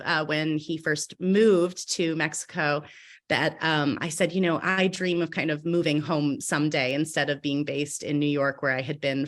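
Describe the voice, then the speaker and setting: A woman's voice: deep voice, a bit bright. A woman in her thirties, a baker and food writer, introducing herself in a chatty, bubbly way with frequent fillers. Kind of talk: casual introduction on a video panel.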